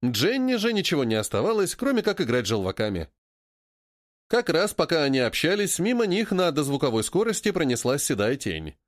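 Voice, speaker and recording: Lively male audiobook narrator. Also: a little high, a little fast, no echo, studio quality. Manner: lively, voicing many characters.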